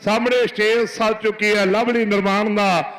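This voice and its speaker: A man's voice: high voice, little pitch movement, normal speed, a bit bright, rough recording. A man with a Punjabi accent giving frantic, declamatory rural sports commentary on a kabaddi match, making announcements as he goes.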